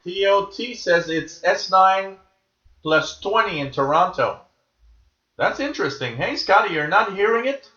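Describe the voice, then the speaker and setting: A man's voice: high voice, lively intonation, unhurried, sharp tone, soft background music. A man hosting a live shortwave tuning stream, talking casually and musingly as he relays listeners' signal reports. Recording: dull, echoey room sound.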